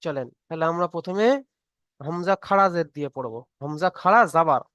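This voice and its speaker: A man leads an online reading lesson, patiently repeating each point and asking whether everyone has understood. His voice sits high and sounds clear. The sound is dry and close to the mic. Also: fairly quick, a bit bright, no room sound, lo-fi sound. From Bengal. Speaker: Quran reading teacher. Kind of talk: online tutoring class.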